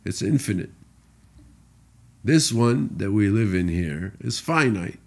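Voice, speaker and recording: A middle-aged man from Saudi Arabia, a podcast guest, explaining ideas through religious stories in a relaxed chat and laughing often. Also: on the low side, slow, gravelly. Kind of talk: casual podcast conversation.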